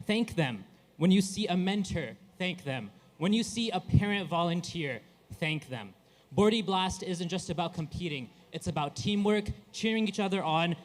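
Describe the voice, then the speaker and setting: A man giving a scripted, rallying opening speech at a live event. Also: high voice. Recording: reverberant hall, through PA.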